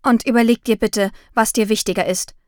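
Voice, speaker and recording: A woman's voice: a little high, fairly even intonation, brisk, darkish tone, no echo, studio quality, close to an everyday voice. A woman reading an audiobook, voicing a stern, upset mother who scolds and gives firm orders. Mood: scolding.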